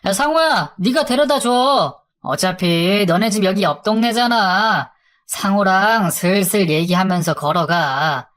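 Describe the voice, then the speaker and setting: A woman's voice: mid-range voice, unhurried, fairly bright tone, lightly acted. Woman doing rowdy teasing drinking buddies. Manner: teasing, egging on. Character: rowdy young adult drinking friends, pushy matchmakers.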